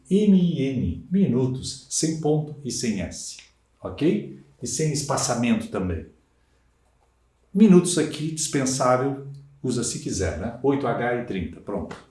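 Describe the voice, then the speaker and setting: A man from Brazil teaching Portuguese in a recorded exam-prep lecture, with lively, emphatic delivery and frequent rhetorical tags. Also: mid-range voice. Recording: echoey room.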